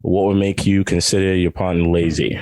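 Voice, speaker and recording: A man's voice: low voice, level tone, brisk, darkish tone, dry recording. A man with a British accent chatting casually as a podcast co-host, laid-back and teasing, swearing freely, heard over a video call. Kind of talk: casual chat.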